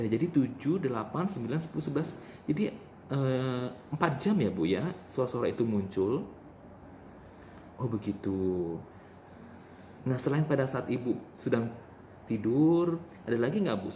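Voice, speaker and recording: A man's voice: medium pitch, mellow. A man playing a nurse in a role-play demonstration, patiently repeating the patient's answers back to her. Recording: echoey room with faint noise.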